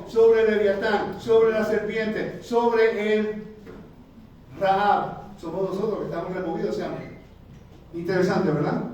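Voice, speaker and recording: A man teaching a seminar to a congregation, animated and questioning the audience. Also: high-pitched, a little hiss or hum. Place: church hall. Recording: very echoey hall, distant mic.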